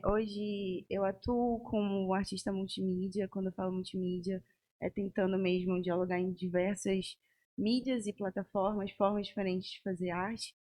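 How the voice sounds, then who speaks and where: A woman's voice: mid-range voice, a little mellow. A woman from Manaus, a guest artist in a casual podcast conversation, reflecting and thinking aloud. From Manaus, Brazil.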